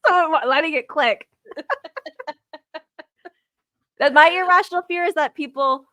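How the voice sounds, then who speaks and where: A woman co-hosting a casual podcast, giggly and informal, with vocal fry and frequent use of "like". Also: high voice, measured pace, bright, forceful tone, no echo, clean studio sound. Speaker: podcast co-host.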